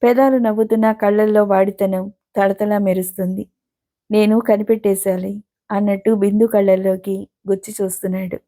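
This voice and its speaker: A woman storyteller reading a serialized story aloud in a steady, expressive way. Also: mid-range voice, a little fast.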